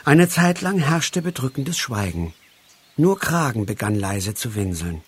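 A man narrating a storybook, reading aloud slowly and expressively. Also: mid-range voice, big pitch swings, slightly rough.

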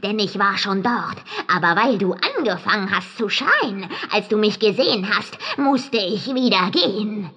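Nebbia, a metallic vengeful fog fairy. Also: female voice, mid-range voice, expressive, pushed and bright, slightly rough, pitched above the performer's own voice, full character voice. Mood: cold, mocking. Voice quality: clanking metallic robot-like voice. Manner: slow, cold and mocking. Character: vengeful female fog fairy, cold and spiteful.

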